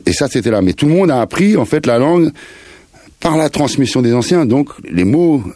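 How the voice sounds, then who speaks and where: Talking a little fast in a medium-pitched, sing-song voice with a dark tone, a Paris-suburbs musician in his fifties chats loosely as an interview guest. His speech is slangy and meandering, peppered with Creole. There's no room sound, and the recording is studio quality.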